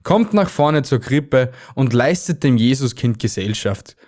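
A man's voice: mid-range voice, animated, measured pace, a little mellow, close to an everyday voice. A man doing a kindly archangel. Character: archangel Michael, kindly firm male angel. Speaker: podcast co-host.

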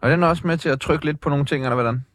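A man's voice: fairly high pitch, no room sound, clean studio sound. A man co-hosting a radio show, teasing and mock-solemn during casual prank calls. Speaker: radio co-host.

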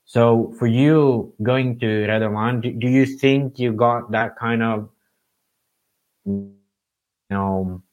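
A man from Finland with a Finnish accent, co-hosting a podcast and asking long, halting questions as he searches for words. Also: medium pitch, steady tone, darkish tone, lo-fi sound, soft background music. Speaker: podcast co-host. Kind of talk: casual interview chat.

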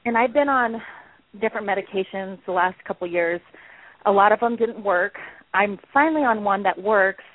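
A woman in her thirties calling in to a radio show, asking her question hesitantly with many pauses. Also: mid-range voice, no room sound. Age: 30s. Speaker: caller. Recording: dry tinny phone line.

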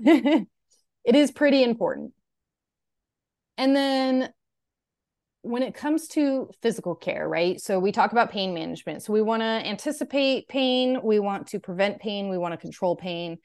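A woman's voice: mid-range voice, moderate pace, darkish tone. A woman who is a veterinary technician, explaining in casual educational podcast talk, chatty and full of "like" and "kind of". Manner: chatty, heavy use of "like" and "kind of".

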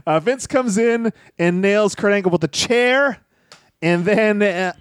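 A man's voice: high-pitched, a little slow, smooth, no echo, studio quality. A man hosting a wrestling podcast, recapping a match in a casual, joking play-by-play commentator style. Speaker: podcast host.

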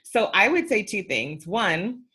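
A woman's voice: mid-range voice, very animated, a little slow, pushed and bright. A middle-aged woman talking casually on a podcast about social media platforms, emphatic and chatty, with many fillers.

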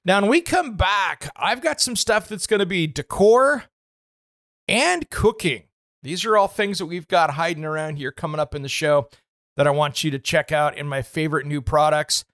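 A man's voice: a little high, normal speed, no echo, clean studio sound. A man hosting a home improvement radio show, talking casually about products with plenty of fillers. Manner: chatty, relaxed, many "uh" fillers. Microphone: studio microphone.

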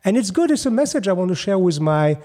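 A man from France with a French accent, co-hosting a casual chat and explaining things in an animated way. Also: high-pitched, fast talker. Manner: animated, explanatory, with frequent restarts. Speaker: podcast co-host.

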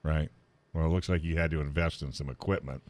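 A man's voice: a bass voice, fairly even intonation, quick pace, a little mellow, dry recording. A man interviewing a guest in a casual, easygoing way, cracking jokes. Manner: joking, easygoing.

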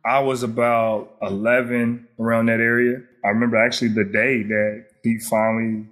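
A man's voice: mid-range voice, flat delivery, moderate pace, fairly bright tone. A young man, an interview guest, recalls a personal loss in a reflective way, often saying "you know".

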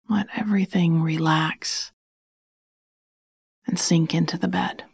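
A woman hosting a sleep podcast, telling a bedtime story in a soft, breathy half-whisper with a slow, soothing manner. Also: lowish voice, no room sound, clean studio sound.

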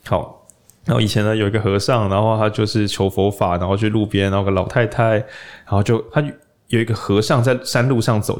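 A man with a Taiwanese Mandarin accent, hosting a casual podcast and telling a story, acting out the voices in it. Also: on the low side. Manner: animated storyteller who acts out voices in the tale. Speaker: podcast host.

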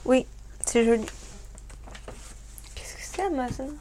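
A tipsy French woman, a bit drunk on wine, co-hosts a livestream with casual chat, her high voice animated against a noisy background. She talks fast, laughs, and keeps chatting.

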